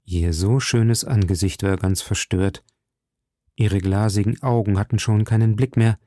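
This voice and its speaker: A man narrating a classic novel in a measured, steady, deliberate way. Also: on the low side, dry recording, studio quality. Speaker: audiobook narrator.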